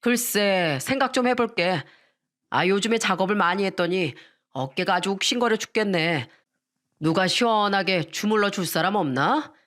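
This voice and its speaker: A woman's voice: mid-range voice, expressive, moderate pace, a bit bright, natural voice. A woman voicing an arrogant, newly rich male composer who talks down to his wife in a dismissive, sighing way, in a storytelling radio drama. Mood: boastful.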